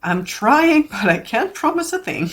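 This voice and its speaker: High and a touch bright, the voice belongs to a chatty craft vlogger from the Netherlands with a Dutch accent. She talks casually to the camera, rambling and restarting, with plenty of fillers.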